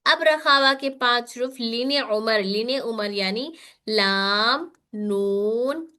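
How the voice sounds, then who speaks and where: A woman teaching Quran recitation in an online lesson, explaining slowly and carefully and repeating single sounds as examples. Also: on the high side, pushed and bright.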